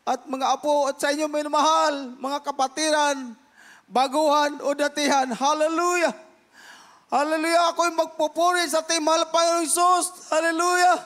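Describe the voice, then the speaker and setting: An older man from the Philippines giving a fervent church testimony. He keeps addressing the congregation as beloved and breaks into loud hallelujahs. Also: extremely high pitch.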